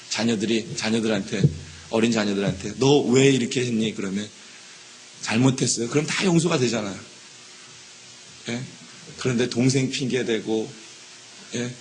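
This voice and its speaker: A man's voice: medium pitch, slight background noise. A man preaching a sermon as pastor, repeating key words, asking the congregation questions and acting out quoted excuses in shifting voices. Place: church sanctuary.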